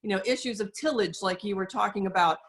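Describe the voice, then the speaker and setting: A woman talks as an interview guest, measured and earnest, often pausing on fillers as she explains. Her voice sits at a middle pitch. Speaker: guest, soap company representative. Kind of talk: casual interview talk.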